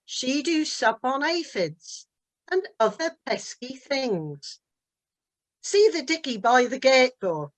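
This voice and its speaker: A woman with a Norfolk accent reciting her own dialect poem in a measured lilt. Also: sits high. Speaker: dialect poet. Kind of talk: poetry recitation.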